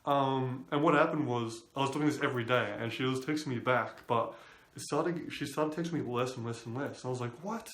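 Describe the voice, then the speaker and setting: A man's voice: mid-range voice, brisk, a bit bright. A young man coaching on dating in a loose, conversational way, often slipping into other people's voices to act out their thoughts. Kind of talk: casual advice talk. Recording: roomy echo.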